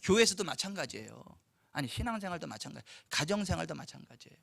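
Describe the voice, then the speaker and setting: A man's voice: on the high side, fast talker, vocal fry, dry recording. A man preaching as pastor, acting out everyday quarrels in little voices and building lists of phrases with rising force in a church. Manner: animated, acts out family quarrels in voices. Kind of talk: sermon. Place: church sanctuary.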